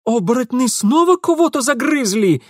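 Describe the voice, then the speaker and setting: A shrill, panicky young man, yelling high above a normal voice. The voice swoops wildly and is recorded dry and close. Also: expressive, moderate pace, dry recording. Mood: agitated. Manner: shrieking, frantic yelling.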